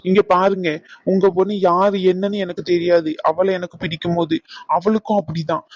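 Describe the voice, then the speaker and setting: A woman's voice: fairly low pitch, flat delivery, brisk, a little mellow, dry recording, lo-fi sound, lightly acted. A woman voicing an earnest young male doctor in a cartoon, pleading and reassuring.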